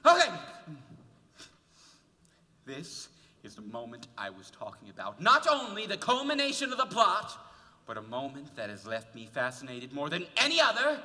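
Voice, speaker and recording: A man's voice: medium pitch, bright, forceful tone, exaggerated voice. A man playing a wistful narrator who muses and confides to the audience, in a stage musical. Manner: chatty, musing, confiding to the audience. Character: wistful man narrating a favorite cast album. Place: school auditorium stage. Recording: roomy hall taped from far off.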